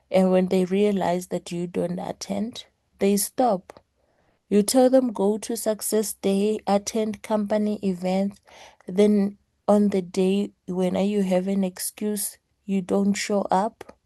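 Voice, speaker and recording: A woman leads a motivational class in a slow, earnest way and drives her points home by repeating them. Her voice is hoarse, low-toned and gravelly, with a warm, mellow colour. The recording is dry and close, with no room sound. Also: no echo. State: hoarse morning voice. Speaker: network marketing leader teaching a class. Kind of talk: motivational teaching talk.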